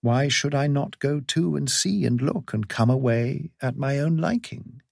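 A man's voice: medium pitch, a little slow, gravelly, darkish tone, no room sound, studio quality, pitched above the performer's own voice. A man voicing a proud, independent male cat who is cool and self-satisfied, in a storybook reading. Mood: sly.

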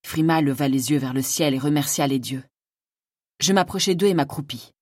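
A woman reads a fantasy audiobook in the first person, with a measured, dramatic delivery. Her voice sits fairly low, and the recording is dry and close with no room sound. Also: a little mellow, no room sound. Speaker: audiobook narrator.

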